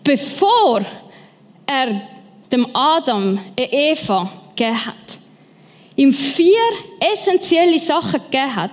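A woman with a Swiss German accent preaching a sermon in a lively, playful way, acting out inner voices. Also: high-pitched, slow pace, long pauses. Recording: long hall reverb.

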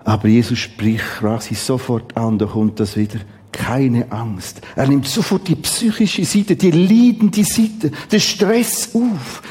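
A man with a Swiss German accent preaching a sermon, telling the story vividly and then reading scripture quietly. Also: medium pitch, slow pace, few pauses.

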